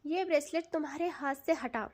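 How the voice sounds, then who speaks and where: Woman voicing a possessive young woman lover, bossy, playful, high-pitched voice, audio love story. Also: normal speed, darkish tone, natural voice. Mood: teasing.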